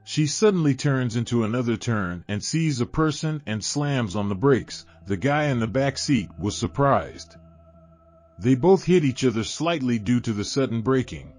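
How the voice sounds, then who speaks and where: A man narrating a scripted horror story with expressive storytelling. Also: medium pitch, normal speed. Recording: faint background music. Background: faint music.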